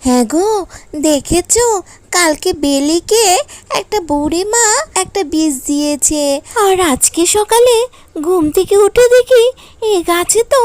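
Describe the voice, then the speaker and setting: A woman voicing an expressive village mother in a cartoon, fond but quick to chide. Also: very high voice, no room sound, voice pushed up. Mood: practical, eager. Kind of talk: cartoon character acting.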